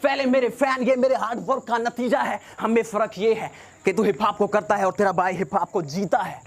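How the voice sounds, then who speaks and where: Cocky high-voiced young man battle rapping. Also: fairly even intonation, brisk. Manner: cocky, taunting, mixes English into rhymes. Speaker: battle rapper. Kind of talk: battle rap performance.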